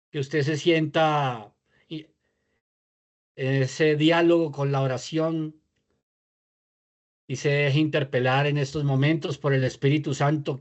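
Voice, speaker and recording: A man leading a spoken prayer over a video call, slow and measured, pausing between phrases. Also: fairly high pitch. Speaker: prayer leader.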